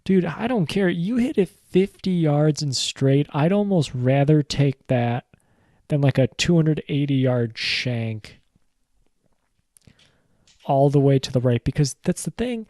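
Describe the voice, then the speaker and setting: Male host, casual rambling monologue with profanity and jokes; talks slowly, dry studio feel. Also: fairly high pitch, expressive, mellow, no room sound. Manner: rambling, joking, swears casually. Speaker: podcast host. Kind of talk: casual solo rant.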